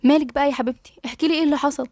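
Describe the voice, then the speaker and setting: A woman's voice: high voice, fairly even intonation, very fast, warm tone, no echo, studio quality. A woman with an Egyptian accent voicing an affectionate, coaxing young woman friend in an audiobook. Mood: soothing. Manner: coaxing and teasing. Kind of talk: audiobook dialogue reading.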